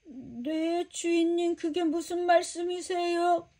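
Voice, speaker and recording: A woman's voice: high voice, sing-song, unhurried. A woman voicing a grasping male servant who swings between whiny begging and harsh bullying. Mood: pleading.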